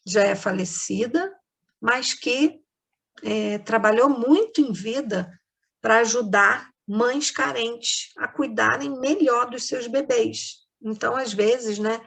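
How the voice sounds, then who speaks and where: A woman with a Brazilian Portuguese accent gives a remote lesson to young children. She speaks at an unhurried pace in a somewhat high voice. She explains each step patiently and keeps checking that they follow along. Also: creaky, a bit bright, breathy edge. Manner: patient, explaining step by step, frequent tag questions. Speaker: primary school teacher.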